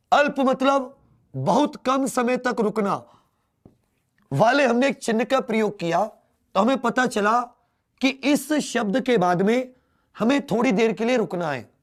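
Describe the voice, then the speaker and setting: A man with a high voice teaches a grammar class at an unhurried, drawn-out pace. He repeats each key term and turns it into a question for his students. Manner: slow, drawn-out delivery. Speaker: Hindi teacher.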